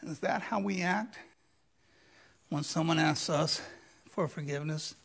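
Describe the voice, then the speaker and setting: Slow, gravelly-voiced preaching man. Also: on the high side, fairly bright tone. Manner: slow, emphatic preaching with dramatic rises. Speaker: pastor. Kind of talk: sermon.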